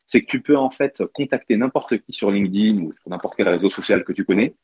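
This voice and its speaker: A man from France talks quickly and casually as an interview guest, tripping over restarts and fillers as he goes. His voice sits low and a little husky. The sound is dry and close. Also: darkish tone, no room sound. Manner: fast, chatty, many restarts and fillers. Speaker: startup co-founder and CTO, guest. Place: London.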